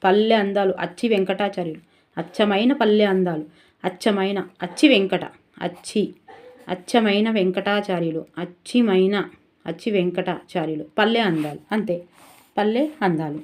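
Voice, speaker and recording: A woman's voice: medium pitch, a little mellow. A young woman with a Telangana Telugu accent, tutoring for exams and repeating key words in sing-song drills. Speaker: exam tutor. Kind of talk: memory tricks for exam revision.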